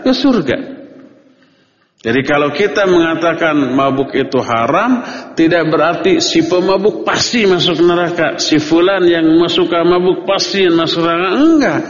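Preacher in an echoey hall. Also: male voice, fairly high pitch. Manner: explains with questions he answers himself; casual everyday phrasing mixed with Arabic recitation. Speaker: Islamic preacher. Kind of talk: sermon-style religious lecture. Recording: echoey hall, dull lo-fi sound.

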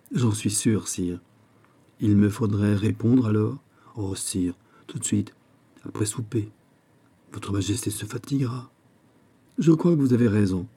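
Dark-voiced man narrating a classic novel. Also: fairly low pitch. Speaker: audiobook narrator.

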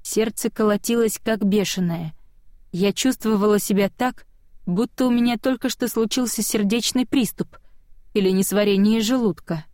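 A woman reading a first-person audiobook with even, expressive storytelling. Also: mid-range voice, normal speed, no echo, studio quality. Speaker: audiobook narrator.

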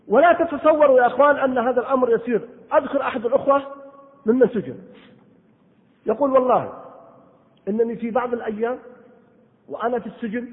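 A man giving an earnest religious lesson, exhorting and answering listeners' questions. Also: high-pitched. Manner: earnest, exhorting, voice rises and falls widely. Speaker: Islamic scholar answering questions. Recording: tinny phone-like audio in a long-echo hall.

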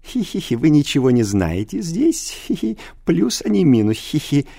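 Squeaky tittering nasty teacher guy from a storybook, lots of hee-hees. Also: very animated, normal speed, creaky, dark tone, heavily acted. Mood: mocking giggle. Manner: constant high tittering laugh. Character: giggling, spiteful, plump red-haired male schoolteacher.

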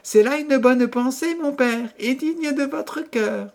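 A man voicing a modest, gentle young princess in a higher voice. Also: slow pace, creaky, exaggerated voice. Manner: soft, demure.

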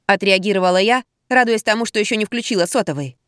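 A woman reading a first-person story as an audiobook narrator, in an ironic, lively storytelling manner. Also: mid-range voice, fast talker, dry recording, clean studio sound.

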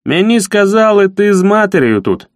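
A man doing a hoarse jeering village bully. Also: high-pitched, big pitch swings, normal speed, dry recording, studio quality, pitched above the performer's own voice. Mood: mocking. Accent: Ukrainian-mixed village speech. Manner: mocking, taunting village dialect.

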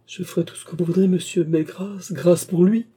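A terrified young woman begs and cries out in a high, breaking voice, as a male narrator puts her on. The tone stays dark and husky beneath the strain. It is the voice of a read-aloud storybook. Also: fairly even intonation, moderate pace. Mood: pleading, desperate.

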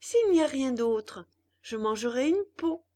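Woman doing Pinocchio, a high whiny puppet boy. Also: animated, unhurried, mellow. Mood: demanding. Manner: whining and demanding, fussy. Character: whiny hungry boy puppet, bratty and fussy. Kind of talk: storybook reading.

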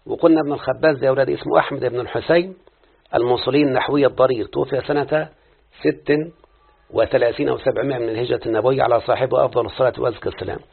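A man's voice: mid-range voice, steady tone, racing, creaky, breathy edge. A man with an Egyptian accent teaching Arabic grammar to a class, constantly checking whether his students understand. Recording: muffled phone-like lo-fi recording.

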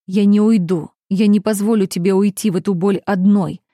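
A woman's voice: medium pitch, steady tone, normal speed, dark tone, no echo, studio quality, close to an everyday voice. A woman reading as a cold, commanding dragon duke.

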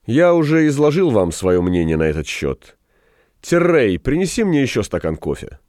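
A man reading aloud, voicing an ironic worldly gentleman who speaks in a mocking, lecturing way. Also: medium pitch, sing-song, normal speed, dry recording, studio quality, pitched above the performer's own voice, natural voice.

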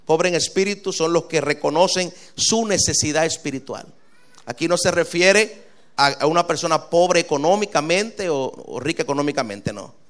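A male pastor, preaching a sermon with lively, rising delivery and quick asides. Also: a little high.

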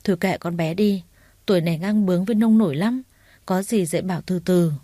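A young female friend, blunt and familiar but caring, as a woman narrator puts her on. Her voice is warm and mellow, in a dry, close recording. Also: on the low side, a little fast, no room sound, natural voice. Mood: reassuring.

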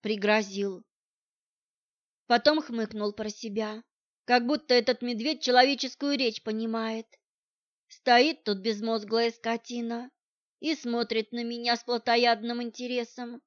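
A woman narrating a first-person audiobook in an even storytelling manner. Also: a little high, a little slow, no echo. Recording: dull, dry audiobook recording.

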